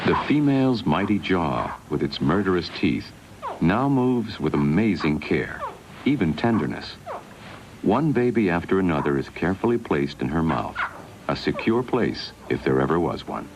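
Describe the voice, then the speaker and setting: A man with a very low voice narrates a wildlife documentary in a measured, unhurried way. His pitch moves expressively from line to line. The sound comes from a worn VHS tape copy with steady hiss underneath. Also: rough recording.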